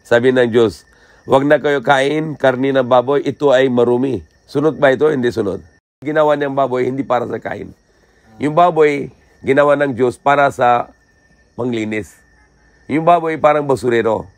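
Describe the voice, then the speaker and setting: A male preacher gives a plain religious talk in a mid-pitched voice. He speaks in short, simple phrases, keeps asking questions and answering them himself, and keeps checking in with his listeners. The recording sounds dry and close. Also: gravelly, dry recording. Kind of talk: religious lecture.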